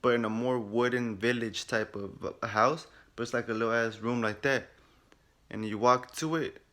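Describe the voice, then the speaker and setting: A man's voice: medium pitch, normal speed. A man recapping a video game at home in his room, telling it animatedly, swearing heavily and acting out reactions. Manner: animated storytelling, heavy swearing, acts out reactions. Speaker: gaming vlogger. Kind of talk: casual game first-impressions recap.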